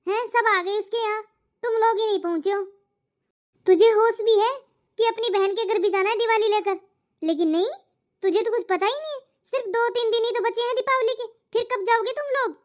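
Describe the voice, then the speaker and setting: Shrill scolding mother-in-law. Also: muffled recording. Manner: scolding, nagging, accusing. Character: scolding middle-aged mother-in-law, nagging and sharp-tongued. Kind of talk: cartoon moral story dubbing.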